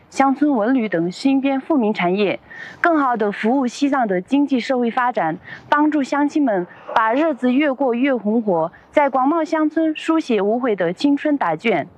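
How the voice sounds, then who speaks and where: A woman's voice: high voice, darkish tone. A woman giving a prepared formal statement as an interviewee, earnest and recited in delivery. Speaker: rural development worker interviewee.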